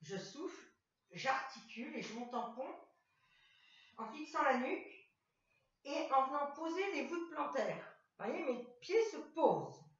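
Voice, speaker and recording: In a room with a chair and mat, a female fitness instructor guides a chair exercise class, calmly calling out each step and repeating her commands. Her voice sits high and moves unhurriedly, though the recording is echoey, distant from the mic, and dull.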